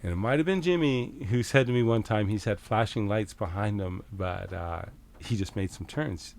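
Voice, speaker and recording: A middle-aged Canadian man telling a story as a podcast guest, casual and animated, swearing freely and acting out the back-and-forth. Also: lowish voice, moderate pace, creaky. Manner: animated, swears freely, acts out quoted exchanges.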